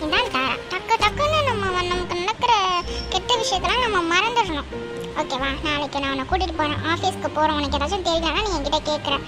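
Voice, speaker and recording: A bossy young cartoon woman, voiced by a woman who lectures firmly. Her voice sits very high. Music runs clearly underneath. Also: fast talker. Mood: lecturing. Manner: scolding, firm, instructive. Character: bossy young woman friend, firm adviser. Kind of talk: cartoon voice acting.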